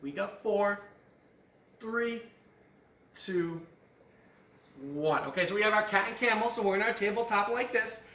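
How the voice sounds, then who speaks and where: A male fitness coach with a high, bright, forceful voice speaks at a measured pace with long pauses as he guides a stretching class. He mixes jokes with upbeat countdowns, and the roomy studio sound comes through a distant mic.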